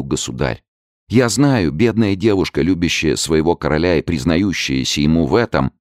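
A man's voice: low-pitched, darkish tone, dry recording, studio quality, voice pushed up. A man reading the part of a desperate young woman who pleads fervently and tearfully with a king, in an audiobook.

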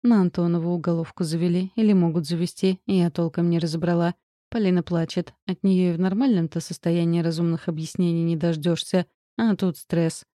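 A woman voicing a brisk, blunt adult sister in an audiobook. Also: lowish voice, dark tone, dry recording, studio quality, natural voice.

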